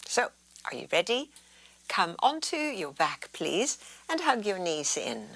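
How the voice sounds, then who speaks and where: A yoga instructor, a woman with a mid-range voice and big pitch swings, talks students through relaxation and gentle stretches. Her delivery is soothing and unhurried, trailing into breathy near-whispers.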